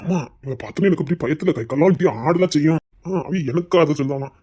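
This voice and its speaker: A man's voice: a little high, quick pace, darkish tone, slightly rough. A man teasing his wife in a casual couple chat, stalling and holding back laughter. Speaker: husband in a couple vlog.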